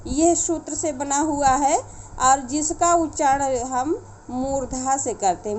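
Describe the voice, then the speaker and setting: Woman teacher, high voice, slow and patient explainer, faint background noise. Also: darkish tone. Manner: slow, explanatory, checks in with "theek hai". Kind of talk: online Sanskrit lesson for children.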